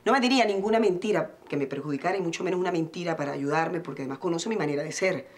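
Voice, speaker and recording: A woman's voice: on the low side, very fast, slight background noise, lightly acted. An actress playing a grieving young woman who firmly demands the truth, in a telenovela. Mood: determined. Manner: firm, determined. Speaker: Clara, the daughter. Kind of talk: telenovela acting. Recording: telenovela scene with loud music.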